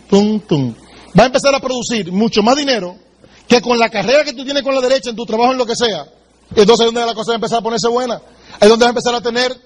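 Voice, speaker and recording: A man with a strikingly high voice runs a sales training seminar, talking at a brisk clip. He is blunt and emphatic, turns straight to his listener and plays out little sales conversations as he goes. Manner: direct and emphatic, addresses the listener, acts out sales dialogues. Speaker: business seminar speaker. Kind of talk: motivational sales training talk.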